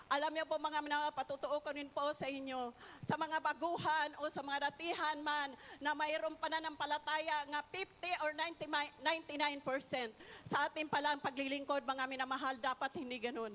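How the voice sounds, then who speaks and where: An older woman with a high, bright voice gives an impassioned testimony before a church congregation. She keeps addressing her listeners as beloved and breaks into hallelujahs between sentences. Her voice rings with the long reverb of a large hall. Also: flat delivery, brisk. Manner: fervent, repeats "mga minamahal" and hallelujah. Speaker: church member giving testimony. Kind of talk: testimony in a worship service.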